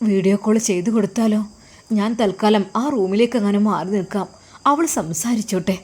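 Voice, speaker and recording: A woman voicing a kind, caring woman who speaks gently to a child. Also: medium pitch, a little fast, natural voice. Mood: gentle. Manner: gentle, sympathetic.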